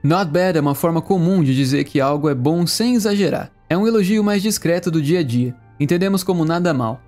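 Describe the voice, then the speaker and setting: A Brazilian man teaching English, friendly, explaining and repeating phrases slowly. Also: fairly high pitch, animated, a little mellow, faint music behind. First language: Portuguese. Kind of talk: language lesson narration.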